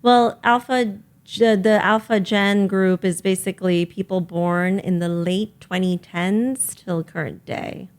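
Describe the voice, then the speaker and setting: A woman's voice: medium pitch, steady tone, measured pace, hardly any pauses. Teasing, sarcastic woman co-host. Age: 40s. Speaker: podcast co-host. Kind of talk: casual chat.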